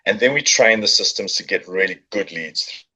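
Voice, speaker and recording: Over a crowd in the background, a middle-aged man with a South African accent talks expressively at a moderate pace in a lowish voice. He's a business owner appearing as a podcast guest, casually recounting his story with jokes and fillers at a coworking space. The recording quality is low.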